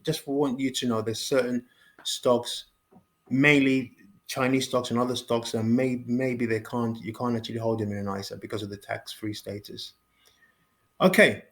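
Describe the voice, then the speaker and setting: A man talks viewers through the basics in a casual lesson, his voice sitting a little high. He restarts phrases, repeats key words for emphasis and ends points with a quick "okay?". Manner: repeats himself, says "okay?" after points. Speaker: finance educator. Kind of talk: informal explainer video.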